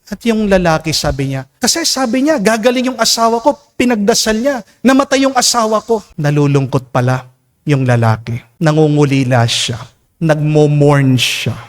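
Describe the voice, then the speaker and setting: Filipino male priest, emphatic homily delivery, lively sweeping pitch. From Philippines. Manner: emphatic preaching, mixing in English, often calling out "Amen?" to the congregation. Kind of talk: homily at Mass. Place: church during Mass.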